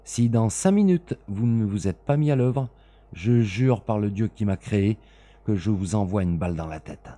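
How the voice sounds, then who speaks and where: A man's voice: lowish voice, lively intonation, normal speed, dark tone, pitched above the performer's own voice, natural voice. A man voicing a stern, implacable man who gives curt, menacing orders in a storybook reading.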